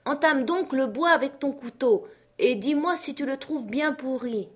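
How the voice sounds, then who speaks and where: A woman voicing a feverish gentleman who gives urgent, impatient commands. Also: high voice, measured pace, pitched above the performer's own voice. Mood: anxious.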